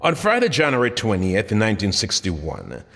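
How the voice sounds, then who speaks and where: A man reads his own motivational book aloud as scripted narration, delivering it dramatically and emphatically. His voice is on the low side and a bit bright, at normal speed with huge pitch swings, and the recording carries long, hall-like reverb.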